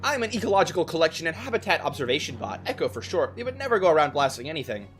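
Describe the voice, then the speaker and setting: A too-smooth, courteous research robot in a video game. It talks calmly and precisely, sitting a little above an ordinary man's pitch. A quiet music bed runs under the speech. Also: very fast. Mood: polite. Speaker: game character.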